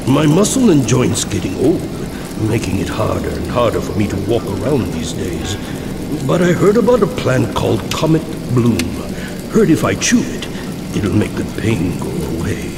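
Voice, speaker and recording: A man's voice: lowish voice, sing-song, normal speed, gravelly, heavy background noise. An actor playing a folksy, aching old man in a video game, weary in manner. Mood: weary, hopeful. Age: older. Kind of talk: video game character dialogue. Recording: roomy echo under loud music and rain.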